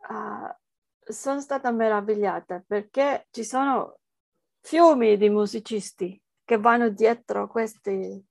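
With a mid-range, creaky voice and no echo, this researcher speaks slowly, hesitating as she looks for words in Italian, a foreign language to her. She answers interview questions with a foreign accent.

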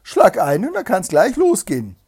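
A man's voice: wildly swooping pitch, normal speed, creaky, slightly rough, exaggerated voice. A man doing a sneering, haughty old-fashioned hare. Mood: mocking. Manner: sneering, shrill and loud. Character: haughty, mocking noble male hare.

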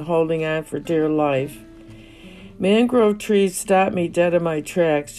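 A woman's voice: low-pitched, dark tone. A woman reading her personal memoir aloud in a reflective, emotional, poetic way. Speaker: narrator. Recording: faint guitar music behind.

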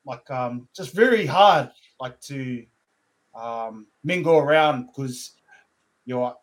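A man's voice: medium pitch, animated, slow. A man from Brisbane, chatting informally as a podcast guest, using brotherly slang and "eh" tags. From Brisbane, Australia, born in New Zealand. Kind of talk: casual interview chat.

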